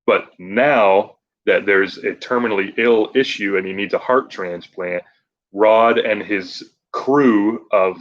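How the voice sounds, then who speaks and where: A man's voice: fairly low pitch, slow pace, dull audio. A man in casual chat recommending movies, who laughs often and rambles with restarts.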